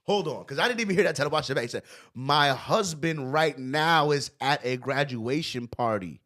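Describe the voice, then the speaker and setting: A man, hosting a podcast and reacting to a clip in loud, profane, mocking commentary. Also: fairly high pitch, animated, normal speed. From Brooklyn, New York. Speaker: podcast host.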